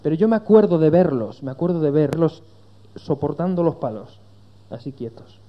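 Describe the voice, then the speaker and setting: A man's voice: on the high side, animated, moderate pace, lo-fi sound. A man preaching a sermon to his congregation, earnest and rising to emphatic peaks.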